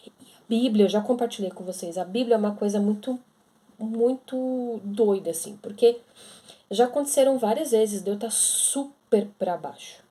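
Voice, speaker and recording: A woman's voice: a little high, normal speed, dark tone. A woman giving casual Bible teaching to women, talking conversationally and acting out quoted objections.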